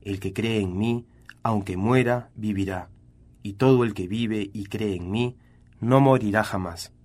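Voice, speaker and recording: Jesus, read by a man, slow and solemn. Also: fairly low pitch, darkish tone. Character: Jesus, calm grown male teacher.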